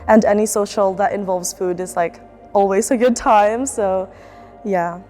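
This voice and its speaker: A young adult woman, a student athlete from the Philippines, reflects casually in a documentary interview, using fillers and restarting sentences. Her mid-pitched voice is darkish, fairly even in intonation and slightly slow, with soft music playing in the background.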